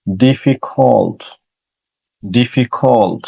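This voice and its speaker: A man with a Bengali accent teaching English pronunciation, saying each example word slowly and repeating it. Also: mid-range voice, vocal fry, warm tone, husky. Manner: slow, drawn-out repetition of each word. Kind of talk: pronunciation lesson.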